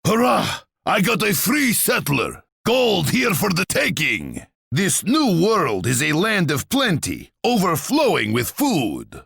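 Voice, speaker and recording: A gleeful, menacing tsar for a video game. The voice is gravelly and husky. It swoops dramatically up and down, pompous and relishing its own threats. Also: male voice, high voice, wildly swooping pitch, slow, few pauses, a bit bright, no echo, clean studio sound, exaggerated voice. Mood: gleeful, boastful. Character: boastful, menacing Russian tsar and warlord, imperious and gleeful. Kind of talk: video game character voice lines.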